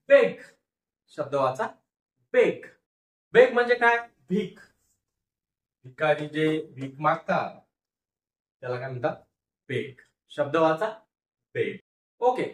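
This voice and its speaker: A male teacher with a Marathi accent giving a phonics reading lesson, drawing out syllables slowly and asking questions that he answers himself. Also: high-pitched, roomy sound, recorded from a distance. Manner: slow, drawn-out syllables, repeats and drills words.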